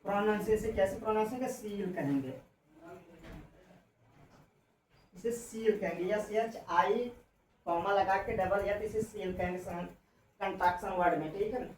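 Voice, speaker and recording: A woman English teacher giving a classroom lesson on contractions, spelling out letters slowly and repeating herself. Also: medium pitch, steady tone, distant mic. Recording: echoey room, voice from off-mic, faint noise.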